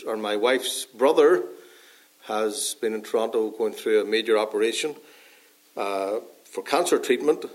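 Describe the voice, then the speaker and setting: A Northern Irish pastor with a lowish voice delivers an earnest sermon at an unhurried pace, full of pauses and fillers. A dry cough leaves him slightly hoarse.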